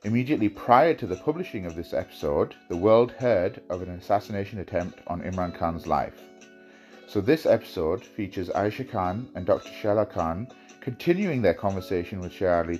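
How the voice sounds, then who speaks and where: A man hosts a podcast introduction in a low, croaky voice. He sounds hoarse, as if his voice is nearly gone. Faint plucked guitar music plays behind him. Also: darkish tone. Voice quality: croaky, worn-out voice. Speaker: podcast host introducing an episode.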